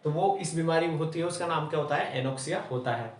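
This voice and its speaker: Guy teaching class, fairly high voice, quizzes then answers himself, roomy echo. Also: quick pace, slight background noise. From Rajasthan, India. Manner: keeps asking the class rhetorical questions and answers them himself; says "theek hai" after nearly every point. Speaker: chemistry teacher. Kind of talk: classroom lecture. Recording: roomy echo, mic at a distance.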